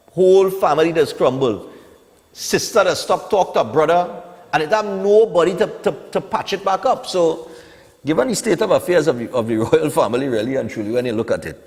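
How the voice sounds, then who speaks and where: In a hall-like space with long reverb, a Trinidadian man in his forties hosts a morning television show, his voice a little high. He talks casually and live, reviewing the newspapers with plenty of opinion and frequent "eh" and "you know."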